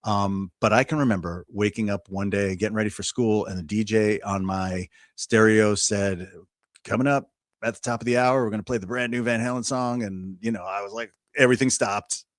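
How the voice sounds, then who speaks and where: Low-voiced man, dry close sound. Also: steady tone, moderate pace, no echo. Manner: rambling, heavy use of "you know" and "like". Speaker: podcast co-host. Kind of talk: casual chat.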